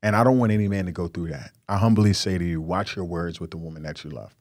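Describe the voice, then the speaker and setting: Earnest low-voiced man giving marriage advice. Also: fast talker, darkish tone, no room sound, studio quality. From New York. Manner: earnest, preachy and candid, with repeated emphatic words. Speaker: podcast host.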